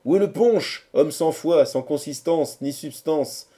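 A man's voice: a little high, a little slow, mellow, pitched above the performer's own voice, natural voice. A man voicing a boisterous group of young male friends in a storybook reading, teasing and mocking.

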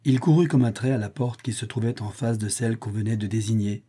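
A man reading a historical novel aloud as an audiobook narrator, steady and measured. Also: fairly low pitch, husky.

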